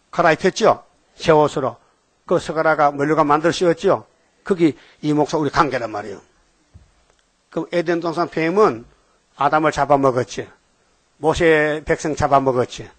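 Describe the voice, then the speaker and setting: Emphatic preacher with a higher voice. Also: male voice, no echo. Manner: emphatic, repeatedly prompting the congregation. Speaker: pastor. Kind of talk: sermon.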